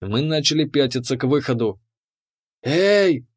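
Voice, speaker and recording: Man, mid-pitched voice, first-person scripted narration, audiobook reader. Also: normal speed.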